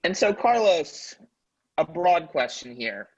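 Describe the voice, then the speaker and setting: A man hosting a podcast interview, speaking in an earnest, measured way. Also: a little high, very animated, breathy edge. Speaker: podcast host. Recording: slightly dull, lo-fi audio.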